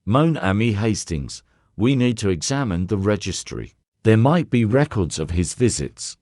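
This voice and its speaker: A man reading as a soft-spoken old detective. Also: on the low side, very animated, moderate pace, no room sound, studio quality. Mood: calm probing. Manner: soft, courteous questioning with French words. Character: elderly male Belgian detective, calm and probing.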